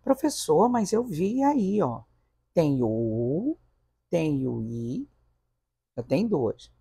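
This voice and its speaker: A man voicing a puzzled young student who insists on his own count to the teacher, in a dry, slightly husky voice. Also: a little high, big pitch swings, takes it slowly, warm tone, no room sound, full character voice. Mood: insistent. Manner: insistent, counting letters aloud.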